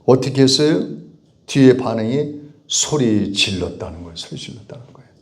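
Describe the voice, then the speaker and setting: A man preaching as a pastor, with rhetorical questions, emphatic repetition, and sudden swings from loud pleading to low, quiet asides. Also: expressive, a little fast, gravelly. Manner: bursts out to dramatize cries, then drops low. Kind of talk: sermon.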